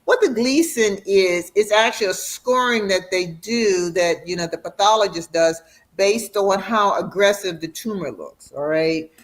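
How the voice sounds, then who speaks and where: A middle-aged woman, a radiation oncologist, explaining in an interview, slowing down to stress key points. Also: medium pitch. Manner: warm, explanatory, slows for emphasis. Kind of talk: educational interview.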